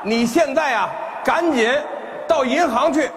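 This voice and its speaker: A man playing a scheming phone scammer posing as a police officer in a stage comedy sketch, who gives stern orders and often shouts. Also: very high voice, a little slow, crowd noise. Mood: bossy. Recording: reverberant hall with noise.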